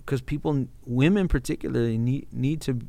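A man's voice: mid-range voice, moderate pace, vocal fry, mellow, dry recording. A man talking casually and earnestly in an informal, heartfelt conversation, often addressing his listener as bro. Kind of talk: casual heartfelt conversation about faith and marriage.

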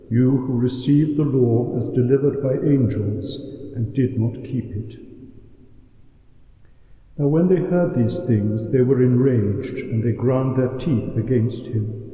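A man reading scripture at Mass with solemn, deliberate, formal phrasing in a very echoey church. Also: medium pitch. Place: large church, indoors. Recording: very echoey church hall, dull sound.

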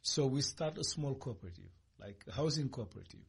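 A man from Senegal, a guest on a radio interview, speaking hesitantly with many pauses and restarts. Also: mid-range voice, animated, vocal fry, slightly rough. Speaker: guest, cooperative leader. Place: radio studio.

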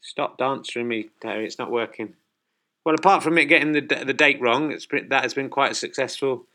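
Man, comic monologue, exasperated, slow over-clear speech, faint background noise. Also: mid-range voice, sharp tone. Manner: exasperated, slow and overly clear when addressing the device. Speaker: comic talking to a phone assistant.

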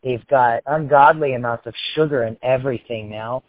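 A man's voice: medium pitch, moderate pace, no room sound. A man hosting a casual chat, talking bluntly and animatedly with frequent swearing. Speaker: podcast host. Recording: tinny phone-like line, dry.

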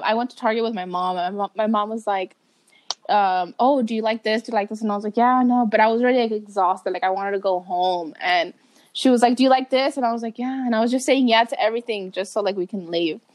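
A young woman co-hosting a podcast, telling an embarrassing story in casual chat, laughing often and saying "like" a lot. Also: a little high. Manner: animated, laughs through her story, heavy "like" fillers. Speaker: podcast co-host.

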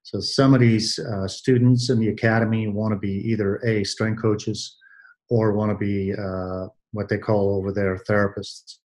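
A man in his sixties from Belgium speaks with a somewhat low voice. He answers questions in a measured way, pausing with fillers and restarting phrases as he recalls his career. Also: fairly even intonation, darkish tone. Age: 60s. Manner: measured, many hesitations and restarts. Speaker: guest, athletic trainer. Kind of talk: interview answers.

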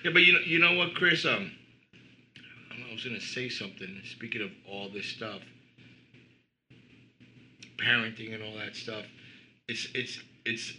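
A man's voice: lowish voice, unhurried, pauses often, bright, forceful tone, rough recording. A middle-aged man from Cuba, a band member guest, telling rambling stories in casual chat with lots of "you know".

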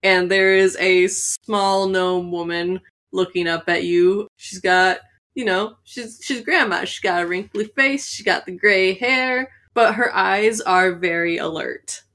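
A woman's voice: mid-range voice, measured pace, fairly bright tone, roomy sound. A woman narrating as game master in an informal, conversational way. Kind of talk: casual tabletop game narration.

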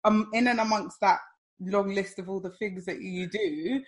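A woman's voice: mid-range voice, normal speed. A woman hosting a casual podcast interview, bantering playfully with her guest. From South London. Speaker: podcast host.

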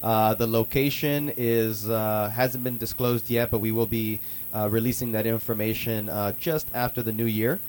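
A man's voice: lowish voice, normal speed, slight background noise. A man hosting a radio talk show, chatting casually and upbeat with lots of fillers. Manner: relaxed, filler-heavy, upbeat.

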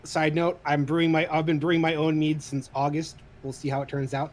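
A man in his mid-thirties co-hosting a podcast, chatting casually, animated and swearing freely. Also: on the high side, brisk. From Idaho, USA. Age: 30s. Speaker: podcast co-host. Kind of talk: casual chat.

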